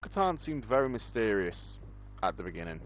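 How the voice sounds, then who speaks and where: A man's voice: on the low side, very animated, fairly quick, highs cut off, slight background noise. A young man hosting a casual discussion, rambling with lots of ums. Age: young adult. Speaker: podcast host. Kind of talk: casual chat.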